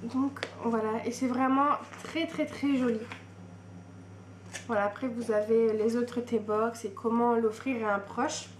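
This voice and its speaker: A young woman who vlogs about books and tea chats casually while unboxing, hesitant and full of fillers. Her voice is on the high side, steady in tone, at a measured pace. The room is echoey, with a faint hiss.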